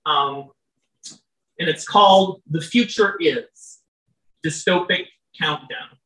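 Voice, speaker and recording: Reading their own poems live, a loud poet with a mid-range voice gets chatty and wry between pieces but turns slow and measured for the verse itself. The stage microphone often misses them in this indoor venue with an audience, giving a roomy, distant sound.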